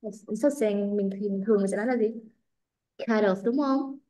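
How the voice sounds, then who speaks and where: A woman with a Vietnamese accent teaching an online English speaking class, modelling sample answers and then explaining quickly. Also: mid-range voice. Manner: switches between model English answers and brisk explanations, animated.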